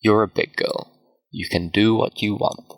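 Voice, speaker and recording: A man voicing a stern, cold middle-aged father who lectures his daughter, in a slow read-aloud manner. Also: fairly low pitch, steady tone, poor audio. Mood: curt.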